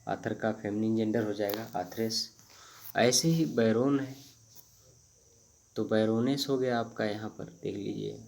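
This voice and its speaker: Slow, gravelly man teaching grammar. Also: on the low side, darkish tone. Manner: explains slowly in Hindi, reads English rules very slowly word by word; repetitive, hesitant with fillers. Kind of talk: Hindi-medium grammar lesson.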